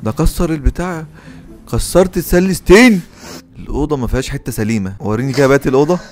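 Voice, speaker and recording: A man's voice: medium pitch, lively intonation, quick pace, darkish tone. An Egyptian man hosting a reaction video, commenting in a teasing, sarcastic, mock-soothing way.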